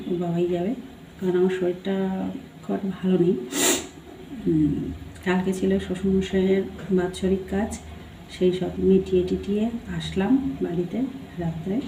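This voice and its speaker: A woman chatting casually and softly to her viewers while she cooks in her home kitchen, recorded on a phone camera. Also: medium pitch, level tone, normal speed, long pauses, roomy sound, background noise. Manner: talks softly, chatty and homely. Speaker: family vlogger. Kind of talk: casual vlog chat while cooking.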